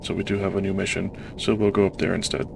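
A man giving casual, self-deprecating commentary while playing a submarine game, in a monotone way. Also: deep voice, quick pace, creaky. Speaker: gamer playing a submarine sim. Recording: noisy game audio behind voice.

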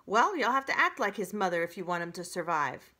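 A woman's voice: fairly low pitch, very animated, fairly quick, pushed and bright, exaggerated voice. A woman voicing a brusque old goose in a storybook, squawking in a skeptical, bossy, scolding manner. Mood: brisk, bossy.

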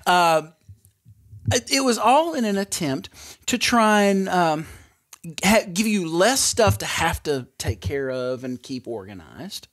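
A man's voice: high voice, sing-song, slow pace. A middle-aged man hosting a casual podcast chat from a bedroom at home, rambling and drifting into tangents. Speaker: podcast host and father.

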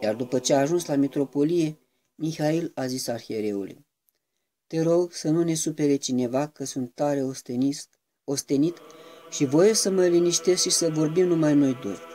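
A man giving a reverent, measured devotional reading that slips into chanted intoning at times. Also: fairly high pitch, warm tone, faint music behind. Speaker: reader of a saint's life.

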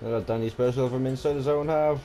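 A man's voice: medium pitch, steady tone, quick pace, mellow. A sweary, giggly man bantering and exclaiming as he plays a video game. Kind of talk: casual gaming banter. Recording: game music behind the voice.

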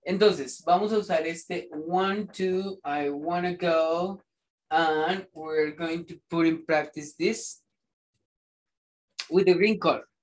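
Slow, rambling male English teacher. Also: on the high side, fairly even intonation. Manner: slow, rambling, with many fillers and restarts. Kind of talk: online class explanation.

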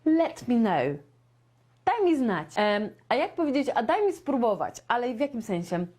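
Lively Polish-speaking woman teaching English. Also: on the high side, moderate pace. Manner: lively, addresses viewers often, acts out everyday dialogues. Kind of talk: live online English lesson.

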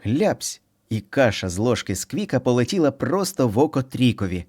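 A man narrating a children's storybook in an expressive, playful reading. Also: mid-range voice, normal speed.

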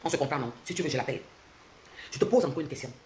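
Heavy background noise surrounds an expressive woman in her forties with a Cameroonian French accent. A social media commentator, she rants heatedly on a livestream from a bright indoor room, phone held close, going fast and confrontational as she shifts from loud mocking to low, intense lecturing.

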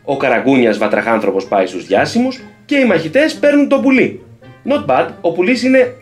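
A man's voice: on the high side, big pitch swings, soft background music, pitched above the performer's own voice. Bubbly gossip-show presenter, exaggerated singsong read, put on by a man. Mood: chirpy. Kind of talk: mock TV presenting.

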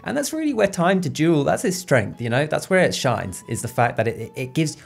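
A man tears into a cheap film with sarcastic commentary. His voice sits a bit high and swings around a lot. Faint music plays underneath. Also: brisk, gravelly, husky. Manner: sarcastic, mocking, lively delivery. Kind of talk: comedic reaction commentary.

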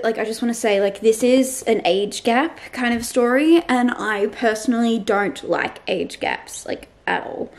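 A young woman with an Australian accent talks in a loose, frank way, sprinkling in swear words and fillers. Her voice sits a little higher than most women's. The sound bounces around a roomy space at home. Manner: chatty, frank, swears freely, lots of filler likes. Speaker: book vlogger. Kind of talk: casual reading vlog chat. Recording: roomy echo.

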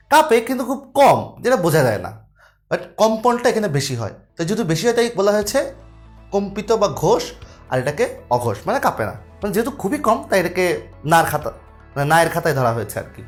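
A young Bangladeshi man teaching, with a high voice that rises and falls a lot. He explains things step by step and keeps asking his students questions. Faint music plays underneath. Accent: Bangladeshi Bengali. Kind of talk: casual exam-prep lecture.

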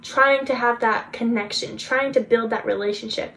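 A woman's voice: on the high side, steady tone, moderate pace, creaky, fairly bright tone, slight background noise. A woman giving an earnest, chatty faith talk to her viewers, repeating phrases for emphasis and filling with "like". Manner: earnest, chatty, frequent "like" fillers; emphatic repetition. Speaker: faith vlogger.

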